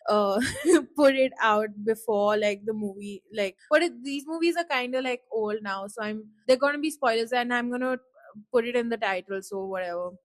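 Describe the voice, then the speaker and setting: Woman podcaster rambling thoughtfully, kinda choked up, higher-pitched voice. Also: moderate pace, dry recording. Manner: emotional, reflective, rambling with fillers. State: choked up, close to tears. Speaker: podcast host. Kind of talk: casual solo podcast talk.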